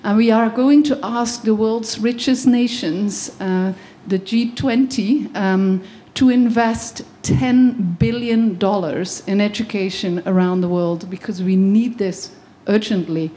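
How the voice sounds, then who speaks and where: Earnest woman from Belgium, mellow voice. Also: mid-range voice, takes it slowly, few pauses. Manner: earnest, many ums and restarts. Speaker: guest speaker. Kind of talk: faith-based talk on education.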